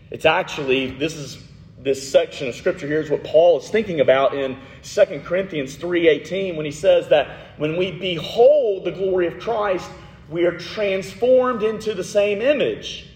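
A man preaching in a church, his fairly high voice carried at a slow, deliberate pace. He leans into key words, then drops softly for emphasis. The room is roomy, with a long reverb trailing each phrase. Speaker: pastor. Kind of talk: sermon. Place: church sanctuary.

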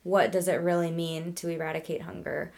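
A woman's voice: fairly low pitch, fairly even intonation, a little fast, gravelly, darkish tone. A woman co-hosting a casual podcast with her husband, chatty and adding her own points. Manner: chatty, adds points with frequent "like" and "um". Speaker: podcast co-host, host's wife.

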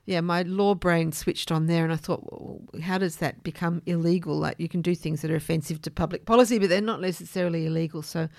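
A woman with a low-ish, noticeably fried voice hosts a podcast, explaining things in a measured, casual way with fairly even intonation. Her tone is slightly mellow, and the recording is dry and echo-free, with little sense of a room.

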